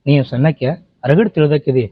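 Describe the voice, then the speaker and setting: A man's voice: fairly high pitch, fairly quick, background noise, lightly acted. An actor playing a moralizing village man, speaking with a North Karnataka accent in a scolding, lecturing way. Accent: North Karnataka Kannada. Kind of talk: short-film acting. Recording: slightly dull audio, faint music.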